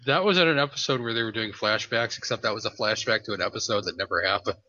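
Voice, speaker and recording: A man's voice: lowish voice, fast talker, pushed and bright, lo-fi sound. A man chatting casually on a podcast, telling rambling stories and laughing at them. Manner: rambling storyteller, laughs at his own stories.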